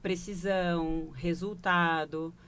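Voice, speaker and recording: A woman's voice: lowish voice, fairly even intonation, takes it slowly, a bit bright, clear, resonant tone. A woman with a Brazilian Portuguese accent, a leadership consultant explaining her work in a broadcast studio interview and often checking in with short questioning asides. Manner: reflective, tags phrases with questioning asides.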